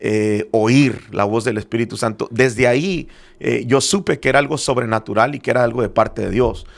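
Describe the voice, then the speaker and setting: Gravelly-voiced middle-aged man teaching. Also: mid-range voice, moderate pace. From Spanish-speaking background, living in Arizona. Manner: earnest, with frequent hesitant fillers. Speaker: apostle and church founder.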